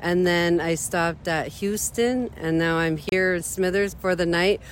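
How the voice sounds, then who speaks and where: Standing outdoors next to a street, a woman advocate from Northern Ontario, Canada, gives a heartfelt, plain-spoken interview, often using fillers. Her lowish voice keeps a steady tone and measured pace, with a little hiss or hum in the recording.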